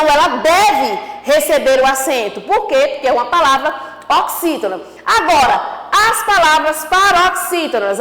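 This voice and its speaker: A female teacher giving an online school lesson with a Brazilian Portuguese accent, explaining slowly and speaking directly to her pupils. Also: sits high, a bit bright, reverberant, long reverb tail, low-quality recording.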